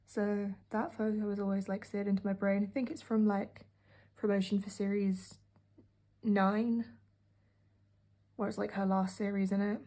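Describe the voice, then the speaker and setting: A woman's voice: mid-range voice, warm tone. A young British woman from the UK narrating a casual sketchbook tour, rambling with many fillers and a sarcastic edge. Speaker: art vlogger.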